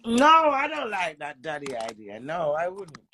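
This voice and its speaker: Streaming live from home, a woman with a Jamaican accent tinged with British chats flirtatiously and teases her audience. Her voice is on the low side and forceful and bright, with huge pitch swings, a measured pace, and a little hiss or hum in the recording.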